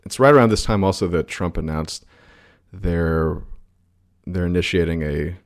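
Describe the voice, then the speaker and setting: A man's voice: low-pitched, moderate pace. A man co-hosting a podcast, chatting bluntly and at length about the year's news, swearing now and then. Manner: blunt, rambling, swears casually. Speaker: podcast co-host. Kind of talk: casual political chat.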